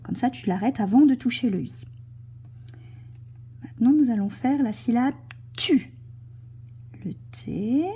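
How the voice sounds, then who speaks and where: A woman leads a cursive writing lesson for young children, speaking slowly and guiding each stroke. Her voice is fairly high but very mellow and dark in tone, with a strongly breathy, husky quality. She slips into soft whispers as she writes. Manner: slow, gentle, talks the child through each stroke. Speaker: teacher.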